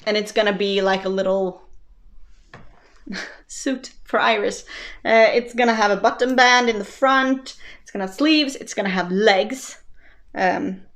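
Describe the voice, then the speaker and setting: A woman's voice: mid-range voice, unhurried, pauses often, a bit bright. Chatty woman knitting vlogger. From Sweden. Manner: chatty, laughs often, self-deprecating. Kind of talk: casual chat.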